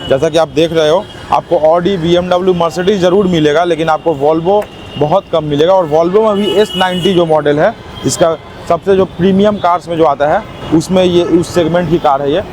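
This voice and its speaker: Man, high voice, eager teleshopping pitch, emphatic repetition, used-car dealer, noisy outdoor recording. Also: fairly even intonation, moderate pace, a little mellow. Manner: eager teleshopping-style selling, emphatically repeating prices. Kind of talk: car sales pitch on video.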